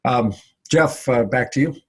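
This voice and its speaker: A man's voice: medium pitch, measured pace, husky. A man hosting a casual social hour on a video call, chatty and full of fillers and repeated words. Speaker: event host.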